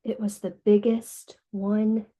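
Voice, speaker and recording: At a slow pace and medium pitch, a woman expressively reads a picture book aloud for young children, storyteller-style.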